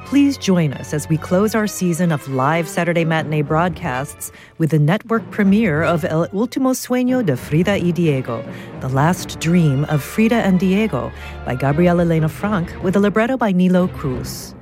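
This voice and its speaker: A woman reading a scripted radio promo in a loud, dense announcer's voice with polished, measured delivery. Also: fairly low pitch, expressive. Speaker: radio announcer for an opera broadcast. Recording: promo read over clear music. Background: music.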